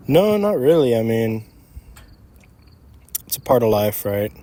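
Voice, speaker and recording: Outdoors in an empty parking lot at night, a young entrepreneur in his early twenties talks reflectively and casually, feeling out his phrases in an unscripted conversation. His medium-pitched voice moves at a measured pace, with steady crickets and night insects in the background.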